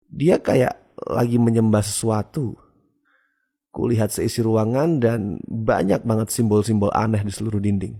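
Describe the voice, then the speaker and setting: A man with a low, dark, husky voice tells a first-person horror story. His delivery is casual and conversational, like confiding to a friend.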